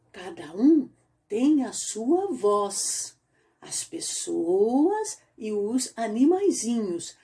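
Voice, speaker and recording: Woman storyteller doing a gentle mother duck; high, soft, coaxing, unhurried. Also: heavily acted. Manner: tender, coaxing, slow.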